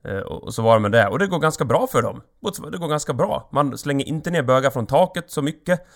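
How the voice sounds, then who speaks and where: A man's voice: mid-range voice, lively intonation, vocal fry. A man hosting a solo comedic podcast, rambling in an offhand way and joking crudely. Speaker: podcast host.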